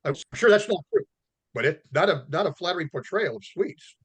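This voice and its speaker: A man in a casual film podcast chat, talking in a halting way with repeated words, his voice dropping out over a bad video call connection. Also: on the high side, expressive, fairly bright tone, breathy edge, dry recording. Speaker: film review panelist.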